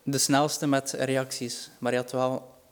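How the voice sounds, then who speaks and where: Guy giving a sermon, earnest and reassuring, gets louder on the big lines. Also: medium pitch, flat delivery, slow pace, clear, resonant tone. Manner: earnest, reassuring, rises in volume for dramatic quotes. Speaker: preacher.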